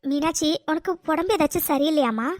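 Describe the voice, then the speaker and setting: A woman's voice: sits high, quick pace, a little mellow, slight background noise, natural voice. A woman voicing a fussy, worried older aunt in a cartoon, scolding and questioning. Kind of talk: cartoon voice acting.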